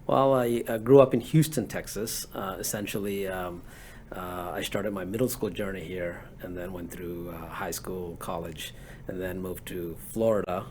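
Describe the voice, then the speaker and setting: A man from Bangladesh in his forties, answering interview questions in a relaxed, rambling way with many fillers. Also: deep voice, normal speed, a little hiss or hum. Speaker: guest entrepreneur.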